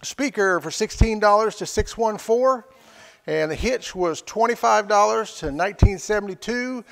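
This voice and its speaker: High-pitched gravelly auctioneer man. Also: fairly bright tone. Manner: folksy, repeats prices and phrases. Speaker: live stream auctioneer and host. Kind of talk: live auction calling, casual and folksy. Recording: echoey hall with long reverb.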